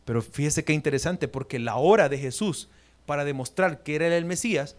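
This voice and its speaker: A male pastor preaching a sermon in an animated way, acting out quotes and asking the congregation questions. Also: fairly high pitch, fairly quick.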